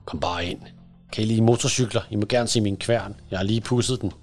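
A man voicing a huge, tattooed, gruff biker in a read-aloud crime story, speaking loud and brusque. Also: on the low side, soft background music, lightly acted.

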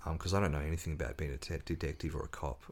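A man's voice: very deep voice, racing. A man, an author chatting as a podcast guest and telling stories with plenty of ums and restarts. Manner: storytelling, relaxed, with fillers and restarts. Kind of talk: casual interview chat.

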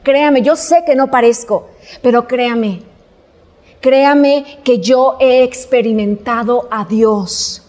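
A woman doing young David, a bold shepherd boy, earnest and high-voiced, in a sermon retelling. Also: slow, darkish tone.

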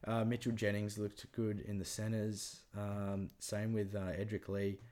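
A young man with a New Zealand accent talks sport in a fairly low voice. He chats casually and rambles excitedly, filling his sentences with "like" and "mate". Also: a little slow. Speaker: sports podcast co-host.

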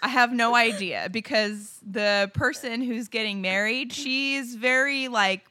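A woman in her thirties co-hosting a podcast, chatting casually, animated and quick to laugh, with frequent swearing. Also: on the high side, dry recording. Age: 30s. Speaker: podcast co-host. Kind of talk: casual chat.

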